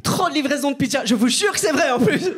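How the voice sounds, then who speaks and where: A man's voice: very high voice, lively intonation, fast talker, fairly bright tone. A man with a light, not very masculine voice, doing a chatty, self-mocking stand-up set and talking to the crowd. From Belgium. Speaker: stand-up comedian. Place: comedy club stage with live audience. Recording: live club recording with crowd noise. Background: audience laughter.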